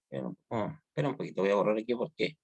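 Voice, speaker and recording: A man's voice: on the low side, expressive, rapid-fire, darkish tone, no echo. A man teaching an online Hebrew grammar class, explaining step by step and often checking that students follow.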